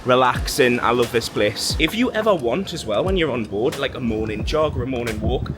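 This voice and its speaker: This cruise vlogger's medium-pitched voice carries lively intonation and a brisk pace over music as he chats on deck and in the corridors. The young man laughs a lot, is self-deprecating, and at times runs short of breath.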